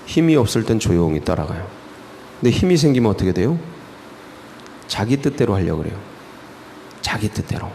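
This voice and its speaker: Male pastor, animated dawn sermon, gravelly tone, reverberant sanctuary. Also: fairly low pitch, fairly quick, pauses often, a little hiss or hum. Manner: animated, rhetorical questions, colloquial. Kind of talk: early-morning sermon. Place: church sanctuary.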